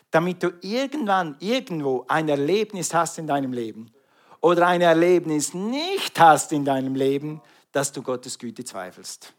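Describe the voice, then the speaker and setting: This is an animated sermon from a middle-aged Swiss preacher whose Swiss German accent comes through as he calls out to those gathered. His pitch leans high.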